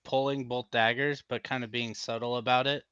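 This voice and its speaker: A man playing a tabletop role-playing game, talking in a hesitant, halting way. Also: mid-range voice, level tone, a bit bright, smooth, no echo. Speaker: player. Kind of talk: casual tabletop play. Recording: slightly dull dry home mic.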